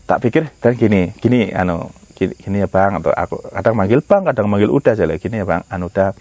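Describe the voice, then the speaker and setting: A man's voice: fairly low pitch, lively intonation, fast, darkish tone, no echo. Dry-voiced man telling a story casually. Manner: rambling, repeats phrases, conversational asides. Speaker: storyteller recounting healing experiences.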